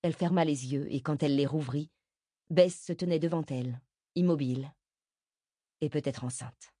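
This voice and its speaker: A woman reading a novel aloud as audiobook narrator, steady and measured. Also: sits low, husky, dry recording, studio quality.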